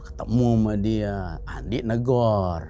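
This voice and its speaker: A man telling a ghost story in a chatty, excitable way, full of little fillers. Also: lowish voice, slow pace, a little hiss or hum. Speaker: guest storyteller. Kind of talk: casual spoken ghost story.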